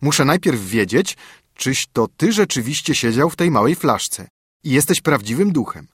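A man's voice: medium pitch, sing-song, moderate pace, a bit bright, slightly rough, no echo, studio quality, pitched above the performer's own voice. A man voicing a clever, fearless young son in a fairy tale, speaking in a raised, eager tone. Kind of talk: storybook narration.

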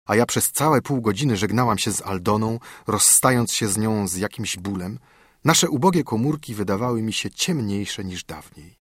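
Husky male audiobook narrator. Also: lowish voice, fairly bright tone, no echo, studio quality.

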